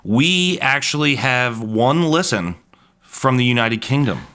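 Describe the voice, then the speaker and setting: A man's voice: medium pitch, lively intonation, unhurried, pushed and bright. A man from Ohio co-hosting a podcast, chatting casually in a jokey, self-deprecating, rambling way. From Cincinnati, Ohio. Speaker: podcast co-host, musician. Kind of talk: casual chat.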